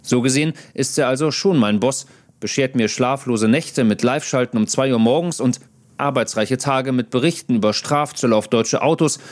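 A man in his thirties narrates his own video diary as a foreign correspondent. His humor is dry and self-mocking, with wry asides. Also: medium pitch.

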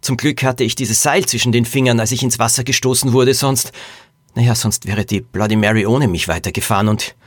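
A man voicing a quick-witted girl detective in a read-aloud storybook, matter-of-fact and sharp. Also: mid-range voice, steady tone, no room sound, studio quality, close to an everyday voice.

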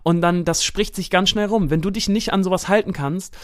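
A man's voice: high-pitched, a little fast, smooth, dry recording, studio quality. A man co-hosting a podcast in casual chat, rambling a little, often repeating himself and agreeing with his co-host.

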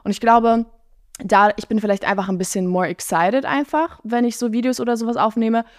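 A nineteen-year-old woman hosting her podcast, chatting in an excitable, bubbly way and mixing in English slang. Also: fairly high pitch, a little fast, no echo, clean studio sound. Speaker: podcast host. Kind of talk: casual chat.

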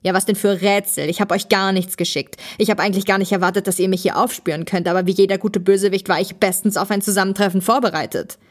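A woman reading the part of a gloating male villain in a spoken story, loud and mocking. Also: mid-range voice, steady tone, fast talker, few pauses, lightly acted.

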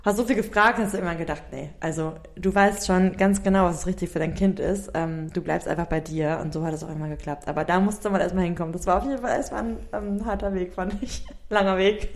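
In a casual podcast chat on early motherhood, a young woman co-host uses lots of fillers and tag questions. Her voice is lowish and steady, fast and with few pauses.

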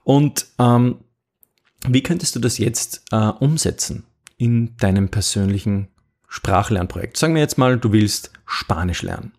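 Chatting casually as a podcast host, this middle-aged Upper Austrian man speaks with an Austrian accent, restarting sentences, using lots of fillers, and tossing in a rhetorical "ja?". His mid-range voice is animated, unhurried, and somewhat dark.

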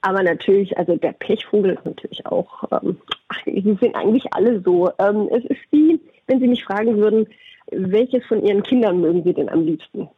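A middle-aged woman with a husky voice answers interview questions conversationally, telling anecdotes about her work. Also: medium pitch, fairly quick, dry recording. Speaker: interviewee, doctor and puppeteer. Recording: thin phone-like radio sound.

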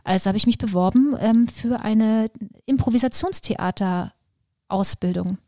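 A woman's voice: on the high side, measured pace, dry recording. Lady guest on a podcast telling her story, lots of ums and restarts, dry close sound. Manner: lively, with many fillers and restarts. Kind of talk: personal storytelling in conversation.

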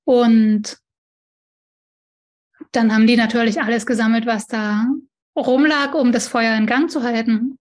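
A woman's voice: on the high side, fairly even intonation, a little slow, pauses often, a little mellow. A middle-aged woman from East Germany, a smoke-cleansing practitioner, explaining in casual chat and correcting herself often as she shows her tools. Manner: demonstrates objects while talking, frequent self-corrections.

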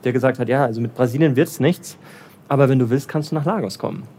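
A man's voice: mid-range voice, quick pace, mellow, a little hiss or hum. A man from Bavaria, a banker in his thirties, answering interview questions hesitantly with many fillers. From Germany, Bavaria. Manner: hesitant, many ums and restarts. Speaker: guest, banker. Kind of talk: casual interview.

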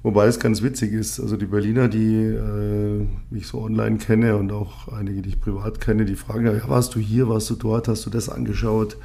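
A man in his 50s from Munich, Germany, a podcast host who owns an agency, talks in a gravelly, low voice. His casual solo monologue runs at normal speed with hardly any pauses, relaxed and rambling, full of fillers.

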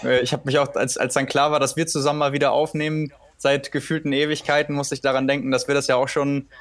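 A man chats as a podcast expert over a remote link. He talks in halting runs, stopping and restarting while he works out his points. His pitch sits in the middle range. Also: level tone. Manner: hesitant, many fillers and restarts, thinking aloud. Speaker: podcast co-host, triathlon expert. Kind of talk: casual podcast chat. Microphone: remote call.

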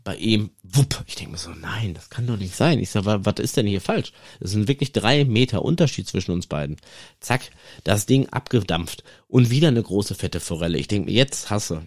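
A man hosting a fishing podcast, casually retelling a night of angling and acting out the dialogue with his friend. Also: on the low side. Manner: lively anecdotal retelling, acts out dialogue. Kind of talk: casual storytelling to listeners.

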